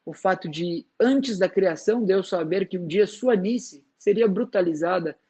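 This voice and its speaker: A wise, serene woman, read by a man with a high voice in a dramatized book reading. She speaks softly and slowly but never gives ground. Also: slightly rough, exaggerated voice. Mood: firm, probing. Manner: soft, slow and firm. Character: calm wise woman, gentle and insistent.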